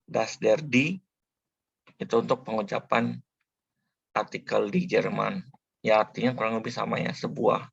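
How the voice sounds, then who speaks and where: A man teaches in a slow, unhurried tutorial voice, low and gravelly with a husky edge. He delivers it flatly and keeps repeating each sound with patience. The recording is dry and a little dull. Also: no room sound. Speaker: language teacher.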